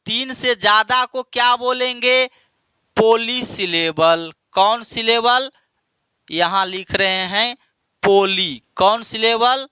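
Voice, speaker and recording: A man's voice: high voice, sharp tone, clean tone, no room sound. A man from India teaching an English grammar lesson, repeating words and quizzing his students in a call-and-response way, calling them "my dear". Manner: asks questions and answers them himself, drawn-out repetition.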